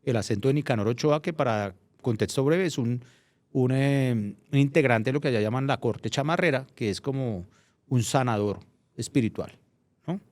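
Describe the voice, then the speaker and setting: A man's voice: medium pitch, normal speed, dry recording. A middle-aged man, a journalist, telling anecdotes in a casual interview, often restarting his phrases. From Colombia. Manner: anecdotal, restarts phrases, animated when recounting. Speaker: journalist guest.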